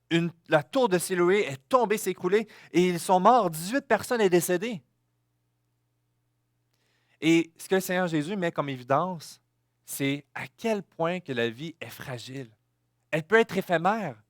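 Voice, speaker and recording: A male pastor, preaching a sermon in an earnest way that swings between hushed warnings and emphatic declarations. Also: high voice, no room sound, studio quality.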